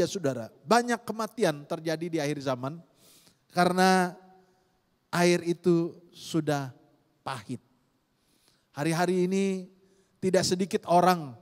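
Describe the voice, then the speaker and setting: A man preaching a sermon to his congregation, swinging between loud high exclamations and soft low murmurs. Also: animated, unhurried, pauses often. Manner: keeps addressing the congregation as "saudara". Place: church hall. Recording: long reverb of a large hall.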